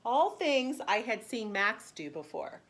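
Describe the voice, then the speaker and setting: Like a preschool teacher, a woman reads aloud to young children at a measured pace, using simple words, explaining as she goes and stressing words expressively. Her voice is fairly high and very lively.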